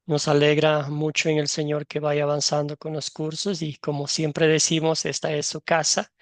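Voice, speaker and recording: A man's voice: on the high side, monotone, normal speed, no room sound. A man moderating an online Bible class, welcoming each student by name and calling on them in turn. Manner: gently guides students, calls on each in turn.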